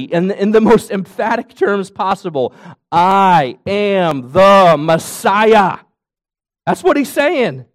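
A man preaching a sermon, emphatic, asking his listeners questions and joking lightly. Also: sits high. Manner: emphatic, asks the audience questions, jokes lightly. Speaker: pastor.

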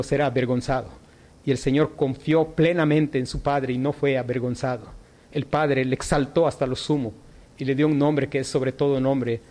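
A man's voice: mid-range voice, darkish tone. Earnest man preaching a sermon. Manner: earnest, measured preaching with repeated phrases.

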